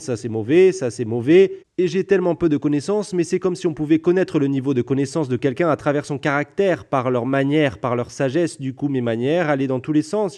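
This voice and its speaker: A man's voice: fairly high pitch, mellow. A man telling a personal story in an interview, acting out the people he quotes. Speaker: interview guest.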